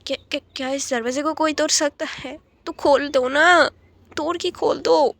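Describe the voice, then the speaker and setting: A woman's voice: sits high, steady tone, moderate pace, vocal fry, fairly bright tone, dry recording. A woman voicing a young girl who pleads and stammers frantically with her older brother in a told story. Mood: pleading.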